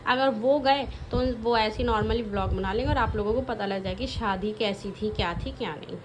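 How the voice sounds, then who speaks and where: A woman's voice: moderate pace, background noise. A young woman vlogging casually at home, talking in a rambling, chatty way to her viewers. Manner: chatty, rambling, switches to high baby talk with her toddler. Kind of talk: casual home vlog chat.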